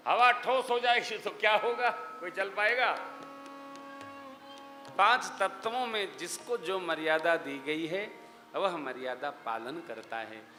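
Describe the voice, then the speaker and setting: A man giving a dramatic scripture discourse, dropping his voice low, then rising loud. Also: slow. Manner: dramatic storytelling, swings from hushed to loud. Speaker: religious storyteller. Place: large hall. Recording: echoey hall with music behind.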